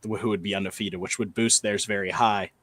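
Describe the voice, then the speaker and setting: A man's voice: on the low side, steady tone, fairly quick, a bit bright, no echo. A man co-hosting a casual college football talk show, steadily laying out playoff scenarios point by point. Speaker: sports podcast co-host.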